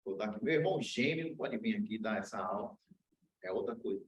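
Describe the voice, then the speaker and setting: A man's voice: lowish voice, lively intonation, fairly quick, breathy edge, poor audio. A man from Brazil, a law professor, giving a university lecture in a casual, slangy way with anecdotes. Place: lecture room.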